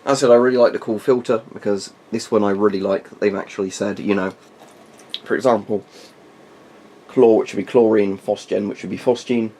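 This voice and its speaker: A man with a fairly low voice talks through a product review off the cuff. His explanations are informal and wander into asides. A little noise sits behind the voice. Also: fairly even intonation, fairly quick, warm tone. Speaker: military surplus gear reviewer. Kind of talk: casual unscripted product review. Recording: faint background noise.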